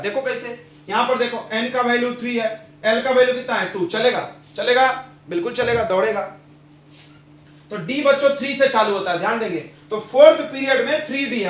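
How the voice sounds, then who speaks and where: This man has a very high, slightly bright voice. Teaching chemistry in class, he lectures and drills his students with repeated rounds of questions and answers, captured in a roomy, dull lo-fi classroom recording.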